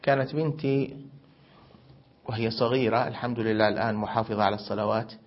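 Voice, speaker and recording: A man's voice: medium pitch, steady tone, brisk. A middle-aged man, a sheikh teaching a grammar lesson, who explains by asking questions and answering them, heard on a muffled recording. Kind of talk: religious grammar lesson with storytelling.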